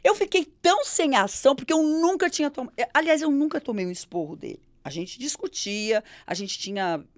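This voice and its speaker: A middle-aged woman with a Brazilian Portuguese accent tells stories in an interview, her high voice lively. She acts out the voices of the people she quotes. The sound is close and dry. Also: fairly quick, no echo. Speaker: interview guest. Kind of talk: storytelling in an interview.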